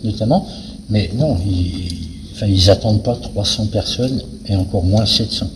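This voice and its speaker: Guy venue director being interviewed, explains stuff haltingly, big echoey hall, lots of background noise. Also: fairly low pitch. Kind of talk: spoken interview about a cultural season. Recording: noisy, very reverberant hall.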